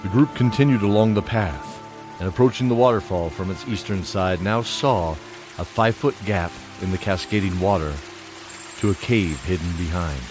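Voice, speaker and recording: In a deep voice, a man narrates a fantasy audio drama, describing scenes in a measured storytelling manner while faint music plays behind him.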